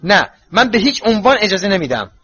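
A man voicing an anxious, fierce middle-aged mother in a storybook reading, pitched high and shrill. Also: very animated, a bit bright, slightly rough, dry recording, full character voice. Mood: agitated. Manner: shrill and pleading. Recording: dull lo-fi recording.

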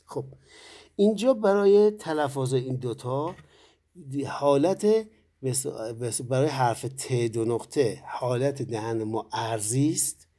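Teacher guy explaining a lesson, mellow husky voice, lots of pauses and uhs. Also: mid-range voice. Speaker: Quran recitation teacher. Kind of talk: recorded lesson to students.

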